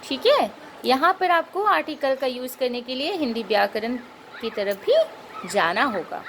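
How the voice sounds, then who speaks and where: High, lively woman teaching grammar. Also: background noise. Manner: patient, checks in with rhetorical questions; spells out and repeats sounds slowly. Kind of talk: explanatory grammar lesson.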